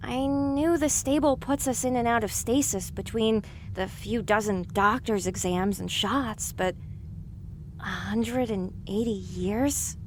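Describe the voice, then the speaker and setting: A woman plays an anxious young female pony in an audio drama, sounding dazed, earnest and bewildered as she questions herself. Her voice is on the high side with fairly even intonation, and she takes it slowly. There is slight background noise.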